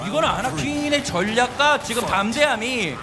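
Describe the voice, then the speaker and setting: A man giving excited fighting game announcer commentary, urgently repeating short calls. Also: very high voice, moderate pace, heavy background noise. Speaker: esports match commentator. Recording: loud music behind the voice. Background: loud music.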